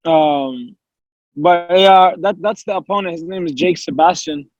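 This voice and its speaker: Sounding dry and dull, this high-voiced young man from the United States is a professional MMA fighter giving casual interview answers as a guest. He takes his time, talking earnestly and freely in long stretches packed with fillers and self-quotes. The recording is dry.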